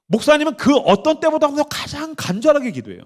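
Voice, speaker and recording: Pastor guy in his 40s, youth camp sermon, high bouncy voice, playacts the people in his stories. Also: brisk. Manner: animated, acts out quoted voices, leads call-and-response. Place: church stage at a summer camp.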